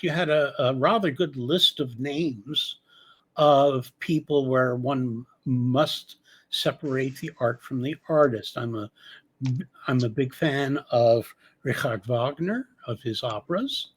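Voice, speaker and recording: Slow-talking male radio host. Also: medium pitch, lively intonation, fairly bright tone. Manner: halting, with many fillers and restarts. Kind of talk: radio interview conversation.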